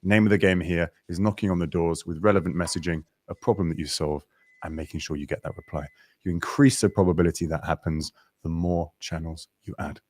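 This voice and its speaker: A man with a very low voice hosts a live webinar. He talks over a video call in a dry, close sound, and he is lively and chatty as he greets viewers and runs through slides. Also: fairly quick, dry recording. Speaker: webinar host.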